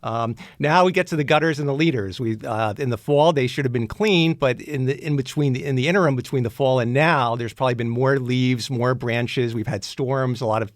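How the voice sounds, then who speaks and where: A man's voice: mid-range voice, a little fast, hardly any pauses, no room sound. A man co-hosting a radio show, giving practical home maintenance advice in a casual way, often restarting his sentences. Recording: dry studio sound.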